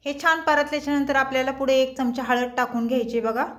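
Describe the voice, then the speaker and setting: A woman's voice: high-pitched, level tone, quick pace, fairly bright tone. A woman hosting a cooking channel, chatting with viewers as friends while she cooks. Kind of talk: home cooking demonstration.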